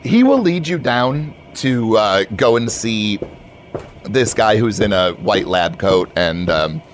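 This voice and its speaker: A man's voice: on the low side, expressive, slow pace, a little hiss or hum. A man narrating as game master in a tabletop game, loose and casual with many fillers.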